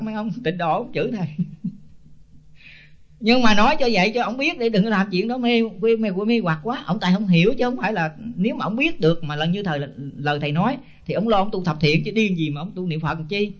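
A man's voice: sits high, fast. An older man, a senior Buddhist monk giving a blunt, scolding sermon full of rhetorical questions. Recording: dull lo-fi tape.

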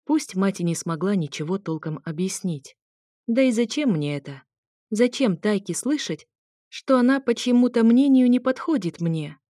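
A woman reading a first-person audiobook in a steady, even narrating voice. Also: mid-range voice, normal speed, no echo. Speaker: audiobook reader. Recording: dry close recording.

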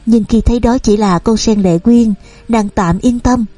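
A woman reads a novel aloud in a steady storytelling voice. Her tone is mellow and on the high side. The recording is dry and close, with faint music underneath. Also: normal speed, dry recording. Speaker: audiobook narrator. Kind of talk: scripted story narration.

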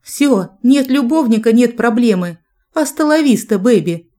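A woman voicing a shrill, furious teenage daughter in an audiobook. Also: animated, measured pace, warm tone. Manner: shrieking, ringing.

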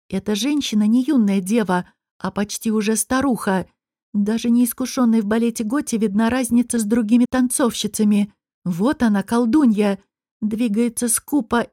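Woman narrator, slightly high voice, slow measured reading, dry close sound. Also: warm tone, no room sound. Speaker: audiobook narrator. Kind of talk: scripted narration.

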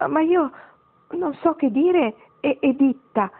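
A shy, earnest little girl from a storybook, speaking up in a high, small voice, as a woman puts her on. The sound is narrow and tinny. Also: very animated, unhurried, full character voice. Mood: timid.

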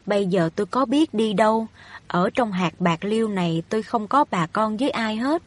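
A woman's voice: mid-range voice, lively intonation, moderate pace, no room sound, lightly acted. A woman voicing a humble poor widowed peasant mother in a storybook reading, anxious and pleading. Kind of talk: audiobook reading of a novel.

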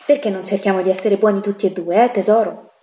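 A woman reading an audiobook, voicing an earnest young man who speaks softly and steadily. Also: mid-range voice, fairly even intonation, quick pace, close to an everyday voice. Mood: gentle. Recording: echoey room.

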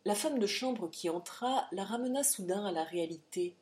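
A woman narrating a novel aloud in a measured, dramatic reading. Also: mid-range voice, expressive, darkish tone. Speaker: audiobook narrator.

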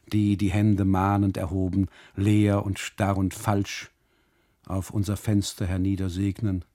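A brooding German husband narrating his holiday in a radio drama monologue, spinning long, ornate, sardonic sentences. His voice is deep and husky, recorded dry and close. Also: mellow, no echo. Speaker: first-person narrator.

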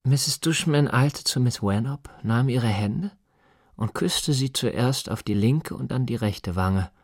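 A man narrating a literary radio drama in a measured, even way. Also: medium pitch, no echo, clean studio sound.

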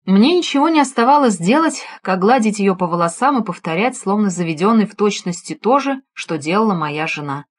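A woman reading a first-person detective audiobook in an expressive storytelling manner. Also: mid-range voice, brisk, few pauses. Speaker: audiobook reader. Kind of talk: first-person scripted narration.

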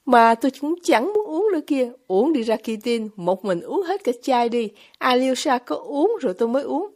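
A woman's voice: high voice, sing-song, moderate pace, darkish tone, pitched above the performer's own voice. Woman reading as a passionate, ashamed young woman. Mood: teasing. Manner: emotional, heightened, pleading. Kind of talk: audiobook character reading.

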